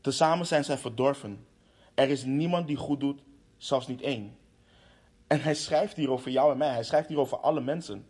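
A man's voice: medium pitch, normal speed, darkish tone, husky. Impassioned man preaching a sermon. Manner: impassioned, with hesitant restarts and fillers.

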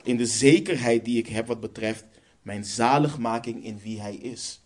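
Earnest male preacher, measured delivery. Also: mid-range voice. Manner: earnest, measured, slows down on key phrases. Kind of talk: sermon with scripture reading.

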